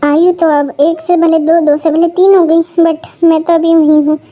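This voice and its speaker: A woman's voice: very high-pitched, flat delivery, moderate pace, dark tone. Woman voicing a whiny, self-pitying young man. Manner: whining, rambling. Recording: dull lo-fi recording.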